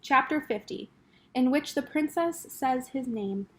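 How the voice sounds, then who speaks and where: A woman teacher reading a children's novel aloud, expressive and speaking directly to the listener. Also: sits high, a little slow. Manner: expressive storytelling, addresses the reader directly.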